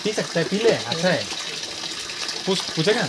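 A chatty, excited man in his thirties records a travel vlog on a phone held at arm's length. His voice sits a little high for a man. Loud rushing water and road noise almost cover him. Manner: excited, chatty, laughing asides. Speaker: travel vlogger. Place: outdoors on a foggy mountain road and in a wet cave by waterfalls.

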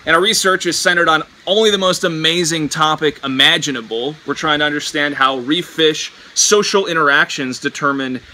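A man's voice: fairly high pitch, fairly quick, hardly any pauses, pushed and bright, slight background noise. A man in his thirties, a marine biologist, vlogging on a bungalow porch in a wry, dryly humorous way, speaking into a camera held at arm's length. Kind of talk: casual travel vlog. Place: outdoor porch of a tropical bungalow.

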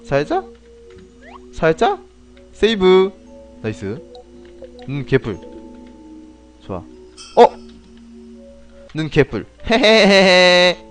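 A man playing an indie game on stream, commenting as he goes, yelping and shouting at tense moments and reading the story lines aloud. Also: a little high, drawn-out words, long pauses, faint music behind. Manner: excitable, yelps and shouts during play. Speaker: gameplay streamer. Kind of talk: let's play commentary with read-aloud dialogue.

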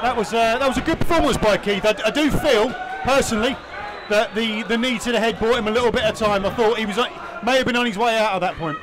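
A man's voice: very high-pitched, fast. A man giving live commentary on a mixed martial arts fight. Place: indoor fight venue. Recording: crowd noise behind commentary.

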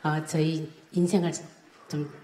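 질문을 마친 한 여성이 쑥스럽게 웃으며 고맙다고 답한다. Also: female voice, deep voice, level tone, measured pace, crowd noise. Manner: thankful, laughing, hesitant. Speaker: audience member asking a question. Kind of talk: live Q&A reply. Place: large lecture hall with audience. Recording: echoey hall with audience noise.

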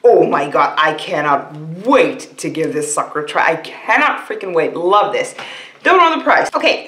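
A woman's voice: on the high side, a bit bright, roomy sound. A woman beauty vlogger chatting casually and rambling through a box unboxing, with frequent fillers.

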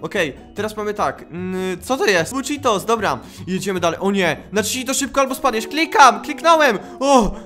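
Excitable man doing gameplay commentary. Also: high voice, normal speed, hardly any pauses, faint music behind. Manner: excitable, shouty, playful. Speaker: gaming YouTuber.

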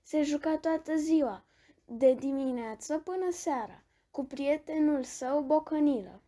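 A woman reading a bedtime story aloud, gentle and expressive, with small restarts. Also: sits high.

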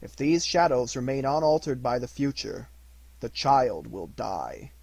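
A man voicing a solemn, stern male spirit who rebukes slowly and gravely, with a husky voice. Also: medium pitch, very animated, a little mellow, dry recording, full character voice, poor audio.

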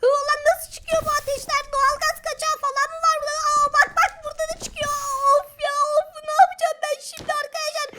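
An actor voicing an excitable, easily panicked and indignant young shopkeeper son in a Minecraft comedy roleplay, with whiny, exclamatory, childlike delivery. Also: quick pace, few pauses. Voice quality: cartoonishly high, childlike. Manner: exclamatory, whiny pleading, repeats cries for help. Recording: music behind the voice.

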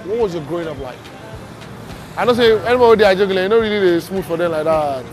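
A man's voice: high voice, animated, fast talker, music in the background. A young Nigerian man hosting a street interview, hyped and bantering with pidgin, recorded outdoors on a busy city street. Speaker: show host.

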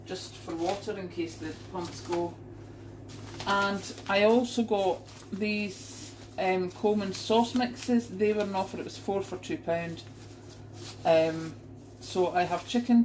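A middle-aged British woman vlogs a grocery haul, chatting casually to a camera aimed down at her kitchen counter while she unpacks shopping and exclaims at the prices. Her voice is mid-range with a darkish tone, and the rough recording carries a little hiss or hum.

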